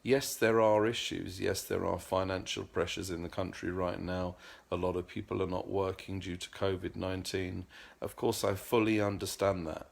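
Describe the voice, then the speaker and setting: A middle-aged man whose first language is English talks earnestly in a casual vlog monologue, often repeating words while searching for the next one. He has a deep, gravelly voice with a flat delivery and a moderate pace.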